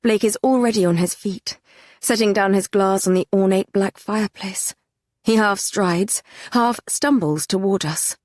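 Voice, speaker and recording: A woman's voice: medium pitch, measured pace, a little mellow, no echo, clean studio sound. A woman narrating a first-person fantasy romance audiobook with an intense, dramatic delivery.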